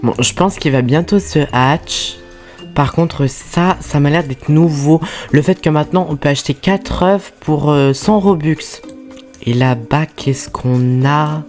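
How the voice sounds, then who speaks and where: A woman streamer giving casual gaming commentary, excitable and prone to loud, squealing outbursts. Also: low voice, unhurried. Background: faint background music.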